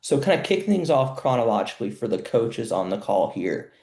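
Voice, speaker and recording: Gravelly-voiced man hosting a webinar. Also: mid-range voice, sing-song, darkish tone, reverberant. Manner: measured, explanatory, some restarts. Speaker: webinar host and educational consultant. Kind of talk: moderating a webinar panel.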